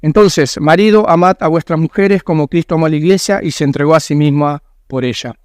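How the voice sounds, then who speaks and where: A man with a Rioplatense Spanish accent delivers an earnest sermon, pressing his points with rhetorical questions. His voice sits a little high and comes across smooth and resonant. The sound is close and dry. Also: a little fast, no room sound. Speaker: pastor. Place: church.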